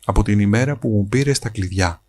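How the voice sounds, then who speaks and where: A man voicing a shrewd, patient mother in her seventies in a storybook reading, calm and knowing. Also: fairly low pitch, no echo, close to an everyday voice.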